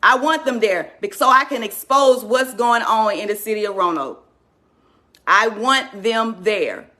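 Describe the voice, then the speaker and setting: A woman's voice: a little high, a little slow, pushed and bright. A woman ranting straight to her viewers, indignant and emphatic, shaking with anger. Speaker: community activist addressing followers. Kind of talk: impassioned direct-to-camera rant.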